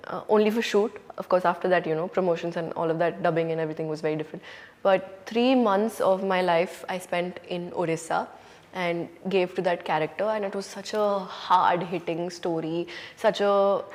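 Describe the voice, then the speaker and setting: An actress from Hyderabad with an Indian English accent answers interview questions candidly and reflectively, often saying "you know" and "um." Her first language is Urdu, and her voice is mid-range with a darkish tone, heard with hall reverb.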